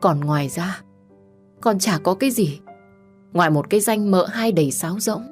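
A heartbroken young wife, as a woman reader puts her on, crying and pleading in a low-set voice that keeps breaking upward into shrill sobs. She sounds like a storybook heroine at the end of her strength, begging and accusing at once. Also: a little slow, darkish tone, soft background music, close to an everyday voice. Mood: sobbing. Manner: tearful, pleading, rising to shrill outbursts.

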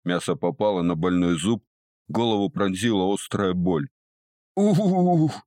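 Deep-voiced man reading an audiobook. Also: fairly even intonation, normal speed, darkish tone, no room sound, studio quality. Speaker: audiobook narrator. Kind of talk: scripted narration.

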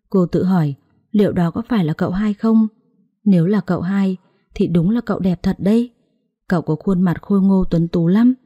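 A woman narrating a story in a smooth, expressive reading. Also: lowish voice, no room sound, studio quality.

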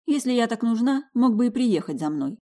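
A woman giving a lively, expressive first-person audiobook narration. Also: a little high, fairly quick.

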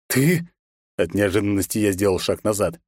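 A man with a deep voice narrates a fiction audiobook in the first person. His reading is steady and expressive. The recording is close and dry, with no room sound. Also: brisk, no room sound.

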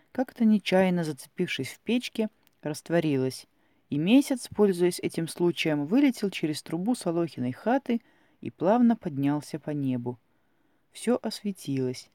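A man narrating a classic story in a measured, expressive way. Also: a little high, no echo, studio quality.

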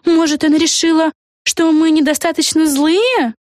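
A woman plays an excitable little witch girl with a sky-high squeak of a voice. She blurts out each thought wide-eyed, in the dry, close sound of an audiobook. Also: normal speed, dry recording, close to an everyday voice. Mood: chattering. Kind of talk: audiobook character voice.

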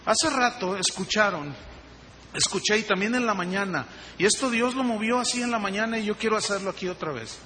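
Man, pastor, lively sermon storytelling, faint background noise. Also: sits high, brisk. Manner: animated storytelling, acting out dialogue. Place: church hall. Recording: reverberant hall with faint noise.

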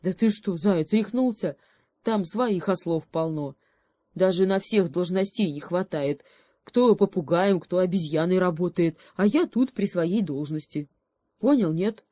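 A woman voicing a dim, self-important male donkey in a storybook, blustering loudly. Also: fairly low pitch, measured pace, dry recording.

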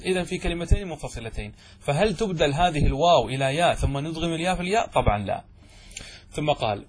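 A man's voice: on the high side, breathy edge. A middle-aged man teaching classical grammar, explaining step by step and answering his own questions. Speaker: sheikh teaching Arabic grammar.

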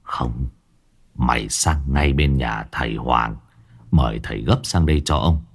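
A man's voice: sits low, huge pitch swings, normal speed, slightly rough, full character voice. Male narrator as a cowardly, domineering old master, weak and gasping, swings from whimpers to shrieks. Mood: weary, commanding. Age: older. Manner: gasping in terror, then weak and bossy. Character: frightened, bad-tempered old village master.

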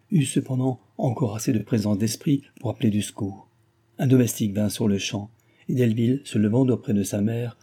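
A man narrating a classic novel as an audiobook in a measured, even reading. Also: lowish voice, breathy edge. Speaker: audiobook reader.

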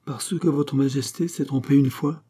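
A grave, loyal nobleman who speaks his mind with solemn conviction, as a male reader plays him. The voice is mellow and a little husky, with a measured, earnest delivery. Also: medium pitch, steady tone, pitched above the performer's own voice, natural voice. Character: loyal, grave nobleman, bold but respectful.

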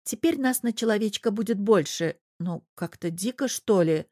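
Woman doing a young woman, excitable, teary, higher pitch, dry close sound. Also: normal speed, dry recording, close to an everyday voice. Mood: excited, tearful. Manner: higher, excitable, near tears. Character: young woman, emotional birthday girl.

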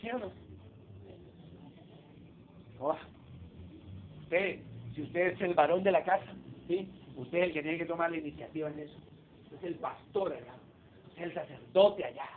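A man's voice: fairly high pitch, moderate pace, long pauses. A man preaching a sermon in a conversational way, often putting questions to his listeners. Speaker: pastor. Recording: tinny phone-like recording with faint noise.

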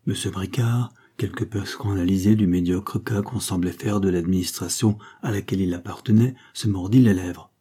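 A man narrating a classic novel in a measured, expressive audiobook reading. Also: sits low, breathy edge. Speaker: audiobook reader.

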